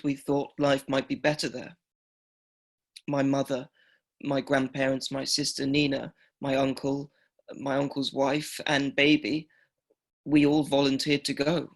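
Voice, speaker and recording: An actor playing an elderly male Holocaust survivor from Greece, speaking slowly and haltingly and repeating himself. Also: mid-range voice, lightly acted. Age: older. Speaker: survivor telling his story. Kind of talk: radio documentary drama.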